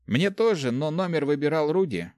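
Young novice mage of an audiobook, curious and quick with questions, as a male narrator reads him slightly higher. Dry sound. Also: big pitch swings, darkish tone, no echo.

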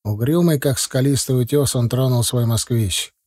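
Male audiobook narrator; measured first-person reading, dark, dry. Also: mid-range voice, dry recording. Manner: measured, calm storytelling.

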